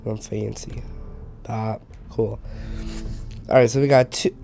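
A man's voice: on the low side, fairly even intonation, slow, vocal fry, over music. Stuffy-nosed man chatting over a game. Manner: chatty, thinks aloud while playing. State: stuffy and sick. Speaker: game streamer. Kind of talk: casual let's-play commentary.

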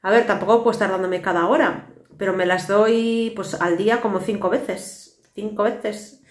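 Here a woman with a mid-range voice speaks at a moderate pace with fairly even intonation. She's a Basque family vlogger in her thirties, native speaker with a Basque Spanish accent, rambling tiredly through casual vlog chat with weary asides. Her phone camera sits at arm's length in an indoor tiled kitchen that makes everything echo.

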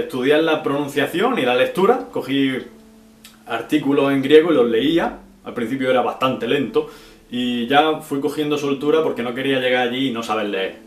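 A young man from Spain, answering viewer questions in a casual vlog, clipping words and tagging sentences with "right?". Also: mid-range voice. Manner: chatty, drops syllables as "pa'", frequent "¿vale?" and "¿no?". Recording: echoey room with faint guitar music.

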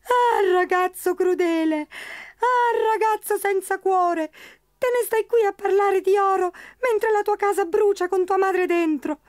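A woman's voice: lively intonation, normal speed, dry recording, clean studio sound. A woman voicing a tiny, crafty male leprechaun shoemaker who is wheedling and tricky in a storybook reading. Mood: wailing. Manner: shrill, pleading, tricky.

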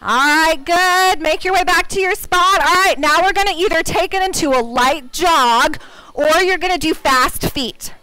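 An American woman coaching an exercise class like a barking gym coach, calling out short, energetic, encouraging commands and countdowns. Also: very high-pitched, normal speed, no room sound, rough recording. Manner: energetic, exercising while talking. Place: medium-sized indoor community room with class.

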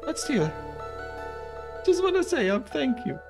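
A man's voice: extremely high pitch, sing-song, measured pace, voice pushed up, full character voice. A man voicing an emotional, middle-aged single-mother ship captain who drops Spanish exclamations and "aye" as she gushes, with game music behind. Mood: tender emotional. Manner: sentimental, gushing.

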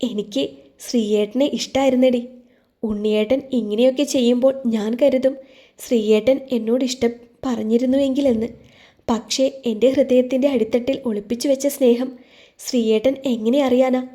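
A woman plays a young storybook heroine carrying a hidden heartbreak. She talks gently and teases softly, her voice a little high and mellow. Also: steady tone, normal speed, lightly acted. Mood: wistful. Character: young woman, wounded but teasing, hiding heartbreak.

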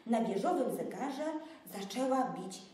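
A woman reading a fairy tale aloud in a measured, expressive way, recorded in an echoey room from far off. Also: a little high.

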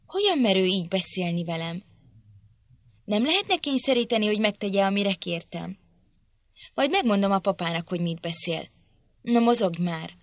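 A woman's voice: medium pitch, expressive, pauses often, no room sound. A woman reading an audiobook, voicing a spoiled, imperious young girl who talks down to others. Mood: indignant. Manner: imperious, petulant.

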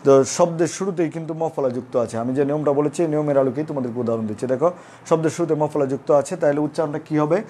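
Patient teacher man, slightly high voice. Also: rapid-fire, warm tone, a little hiss or hum. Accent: Bangladeshi Bengali. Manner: patient, repetitive explaining, addresses students as friends. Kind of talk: live online class on Bengali pronunciation.

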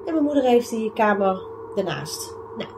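A young woman vlogger telling her own true ghost stories in a chatty way, full of fillers, sometimes dropping to a whisper and sometimes rising to excited shouts. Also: a little high, normal speed, background noise. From Netherlands. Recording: music playing underneath.

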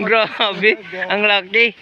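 A man with a slight lisp from missing front teeth, giving excited casual commentary as a vlog host outdoors. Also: sits high, drawn-out words, lo-fi sound, a crowd in the background. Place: outdoors on a rural road, partly riding a motorbike. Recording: outdoor noise, passing motorbikes.

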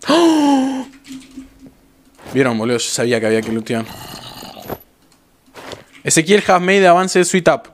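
A young man with an Argentine accent streaming a game, talking excitedly to his viewers and repeating phrases over and over. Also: mid-range voice, a little fast, pauses often, a little hiss or hum. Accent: Argentine Rioplatense Spanish. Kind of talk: live gameplay commentary.

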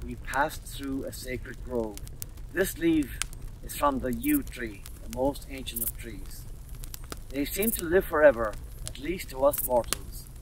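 A man's voice: medium pitch, a little slow. A man reading as a wise wolfhound guide. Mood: calm, wise. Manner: calm, teaching tone. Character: wise old male wolfhound guide, calm. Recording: slightly distant mic, faint noise.

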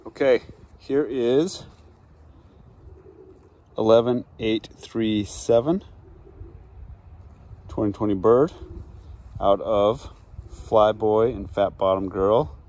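Slow low-voiced man outdoors. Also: dark tone. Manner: unhurried, matter-of-fact, with frequent ums. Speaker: pigeon breeder. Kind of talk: casual show-and-tell. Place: backyard outdoors. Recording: faint outdoor background noise.

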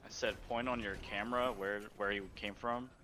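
A man's voice: lowish voice, steady tone, normal speed, bright, forceful tone. A man calling out enemies and joking with friends during an online match. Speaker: friend in voice chat. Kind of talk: casual gaming chat.

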